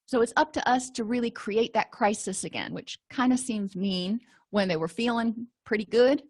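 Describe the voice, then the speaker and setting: A woman's voice: fairly high pitch, moderate pace, a little mellow, dry recording, clean studio sound. A middle-aged woman clinician giving a conversational slide lecture while losing her voice. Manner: conversational, repeats and restarts words.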